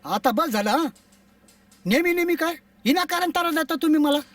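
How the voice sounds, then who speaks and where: A man's voice: very high voice, animated, fairly quick, a bit bright, no echo. An actor playing a poor, weary old grandfather who pleads and talks in a way. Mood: pleading. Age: older. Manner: pleading, then teasing and fond. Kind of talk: film acting. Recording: distant mic with background music.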